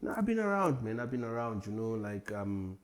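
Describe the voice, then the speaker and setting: A man's voice: fairly low pitch, very animated, fairly quick. A man in his forties from Tanzania, a hip hop artist chatting as a guest in a casual interview, laid-back and rambling. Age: 40s.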